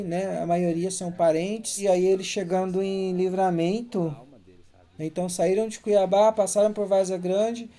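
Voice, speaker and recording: A man who is a filmmaker and journalism professor, calmly explaining his documentary on a commentary track. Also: high-pitched. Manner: calm, explanatory, with frequent "né".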